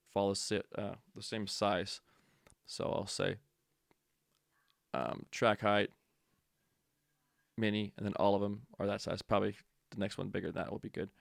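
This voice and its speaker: In a close, dry recording, a man with a low, heavily fried voice leads a casual software tutorial walkthrough like an instructor. He's informal and offhand, thinking aloud as he goes.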